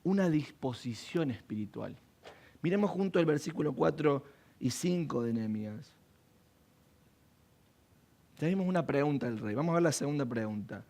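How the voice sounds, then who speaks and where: A man preaching from the pulpit, his voice gravelly with a lot of fry and sitting somewhat high for a man. He keeps putting rhetorical questions to his listeners. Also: expressive, moderate pace, pauses often, a little mellow. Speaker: pastor. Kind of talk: sermon. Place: church.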